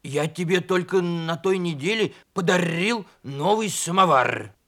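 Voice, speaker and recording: A man doing a hoarse bewildered donkey-wolf. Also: a little high, lively intonation, very slow, a bit bright, heavily acted. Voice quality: hoarse, growly. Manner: bewildered, pleading. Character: little male donkey turned wolf, confused and timid. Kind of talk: storybook reading.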